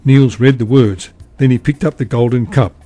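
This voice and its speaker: Guy reading a bedtime story, calm and even, faint music behind. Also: medium pitch, normal speed.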